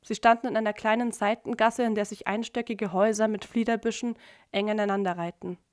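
Woman reading a novel aloud, steady and measured, mid pitch, dry sound. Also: no echo. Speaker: reader. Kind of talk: literary reading.

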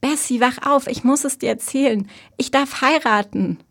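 A woman voicing an excited young girl who is about to be married, talking in a breathless, bubbly rush. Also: medium pitch, normal speed, natural voice.

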